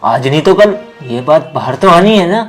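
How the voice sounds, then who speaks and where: A man plays an evasive young boyfriend in a melodramatic web drama, his slightly high voice coaxing and casual. Faint music plays underneath. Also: expressive, moderate pace, close to an everyday voice.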